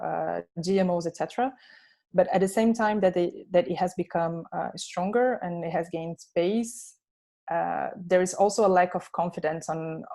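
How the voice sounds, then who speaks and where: A woman researcher answering questions on a video call, thoughtful and pausing often with filler sounds. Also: lowish voice, a little mellow. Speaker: researcher presenting findings. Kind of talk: online panel answers.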